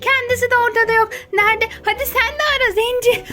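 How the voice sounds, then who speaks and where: A woman's voice: extremely high pitch, fairly even intonation, fast, bright, forceful tone. A woman playing a mother in toy role-play for children, with exaggerated, playful gasps of fear. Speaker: mother playing with her daughter on a kids' channel.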